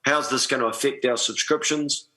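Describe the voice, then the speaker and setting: A man with a Kiwi accent in casual, matey conversation. His voice is very bright and forward at a middle pitch, and he leans on easygoing slang. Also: fairly even intonation, normal speed. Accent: New Zealand. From New Zealand. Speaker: podcast guest, sailing club commodore. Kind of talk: casual chat.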